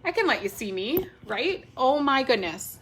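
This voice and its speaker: Her voice sits high and sing-song, moving at normal speed, as this middle-aged woman with a Minnesota accent casually rambles while hosting a craft livestream. She's from Minnesota, United States, chatting from a roomy room at home, and the audio is roomy with a distant mic and a little noise.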